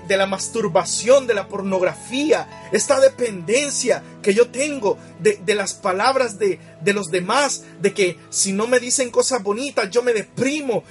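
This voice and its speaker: A man preaching a sermon with passion. He acts out pleading voices and swings between loud cries and hushed lines. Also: high voice.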